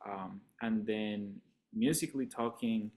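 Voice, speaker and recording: A man from Colombia, a guest musician in a casual interview chat, relaxed and laughing often, talking with many fillers. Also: fairly low pitch, a little slow.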